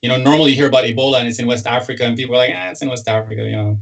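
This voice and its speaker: A man's voice: mid-range voice, flat delivery, rough recording. A man from Sudan, a political cartoonist and parent, chatting in an interview with frequent restarts and fillers. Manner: halting, many restarts and fillers. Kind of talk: casual interview chat.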